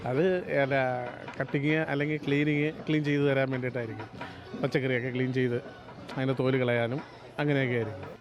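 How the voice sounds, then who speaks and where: A man's voice: mid-range voice, steady tone, fast talker, music in the background. A man with a Kerala Malayali accent giving informal interview answers as a kitchen worker.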